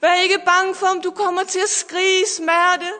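A middle-aged woman preaching with fervent emotion, her voice very high and bright. Her words ring out through a long hall reverb, and her voice at times breaks with tears between hallelujahs. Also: level tone, faint music behind. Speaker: preacher giving testimony. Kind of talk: emotional Pentecostal sermon. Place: church or camp meeting hall.

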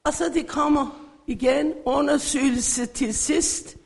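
A middle-aged woman from Iran, giving an emotional church faith testimony in halting phrasing. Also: high voice, steady tone, a little mellow. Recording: echoey hall.

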